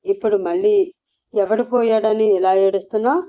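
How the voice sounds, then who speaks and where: A woman's voice: mid-range voice, steady tone, moderate pace, close to an everyday voice. A woman voicing an angry, jealous young husband who demands answers in a storybook reading. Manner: accusing, demanding. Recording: slightly muffled lo-fi recording.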